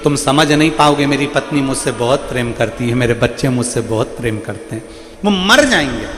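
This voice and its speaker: A man's voice: medium pitch, expressive, brisk, fairly bright tone, slight background noise, natural voice. Man playing a scornful rich merchant. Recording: echoey hall with faint music.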